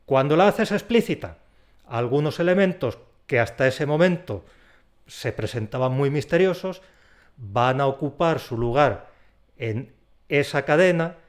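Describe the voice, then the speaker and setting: A man teaching punctuation, in a clear, deliberate explanatory voice that acts out the intonation of his example sentences. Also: mid-range voice, lively intonation. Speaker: Spanish grammar teacher. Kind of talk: recorded video lesson.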